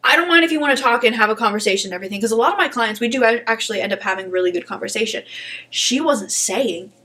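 A woman's voice: a little high, animated, rapid-fire, sharp tone. A woman co-hosting a podcast, talking in a blunt, emphatic casual chat with some swearing. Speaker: podcast co-host.

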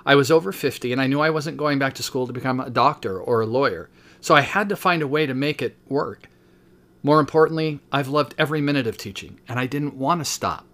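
A man's voice: mid-range voice, brisk. Man in his fifties reading his book. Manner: steady reading with brief spoken asides. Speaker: teacher and podcast host.

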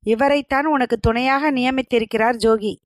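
A woman's voice: fairly high pitch, steady tone, moderate pace, no room sound, close to an everyday voice. A woman voicing a knowing mountain queen who speaks in a dry, wry tone, in a told story.

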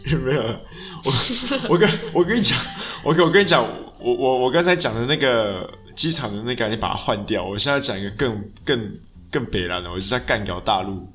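A man's voice: medium pitch, a little fast, fairly bright tone, soft background music. A man, hosting a casual podcast chat, often restarting his sentences and slipping into English phrases. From Taiwan. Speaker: podcast host.

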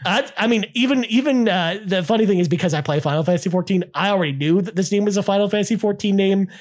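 A man with a high-pitched, fast voice co-hosts a casual gaming podcast. He reads out listener comments enthusiastically, restarting often and saying "I mean" a lot.

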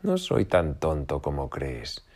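Un hombre narrador que da voz a un conejo macho travieso y burlón, de tono ligero. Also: male voice, very deep voice, huge pitch swings, takes it slowly, a little mellow, slightly rough, full character voice. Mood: teasing. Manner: playful, mocking, light. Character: sly mischievous male rabbit, teasing.

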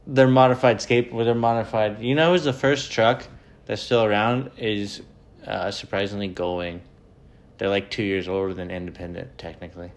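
A man's voice: fairly low pitch, fairly even intonation, normal speed. A man hosting a casual podcast chat with profane, laid-back frat-bro slang. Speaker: podcast host.

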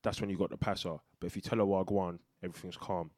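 Fast-talking young London roadman. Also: deep voice, steady tone, no echo, studio quality. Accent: London, urban street. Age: young adult. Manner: blunt, opinionated, street slang. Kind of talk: casual group debate, heavy slang.

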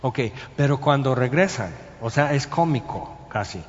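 A man preaching a sermon, telling the story lively and acting out scenes and sounds. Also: mid-range voice, normal speed. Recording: muffled sound in a reverberant hall with faint noise.

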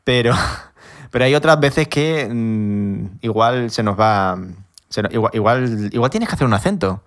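A man, co-hosting a casual chat. He is playful and teasing and laughs quickly. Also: medium pitch, expressive. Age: late 20s. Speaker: podcast co-host.

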